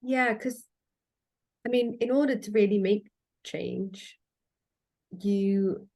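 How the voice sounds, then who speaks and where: A woman's voice: mid-range voice, slow, dark tone. A woman, a psychologist, appears as a podcast guest and explains ideas in a thoughtful, conversational way. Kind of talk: casual conversation.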